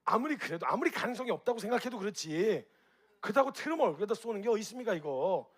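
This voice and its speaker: At a group gathering, a man with a husky, high-pitched, slightly raised voice speaks quickly and gives a lively talk to the audience. He stays animated, asks them direct questions, and acts out reactions with sound effects.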